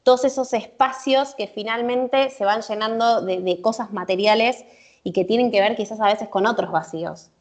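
A woman's voice: fairly high pitch, normal speed. A woman with a Rioplatense Spanish accent explaining emotions in casual chat, with many fillers and tag questions.

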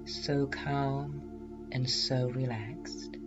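A woman hypnotherapist guiding a self-hypnosis session in a calm, meditative, soothing way. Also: a bass voice, drawn-out words, lo-fi sound, loud music behind the voice. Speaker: hypnotherapist and weight loss coach, podcast host.

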